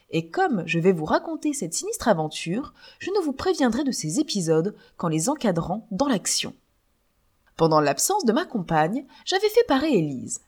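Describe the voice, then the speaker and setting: Lively, husky woman reading a novel. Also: medium pitch. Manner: expressive literary reading. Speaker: audiobook reader. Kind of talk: audiobook narration of a novel.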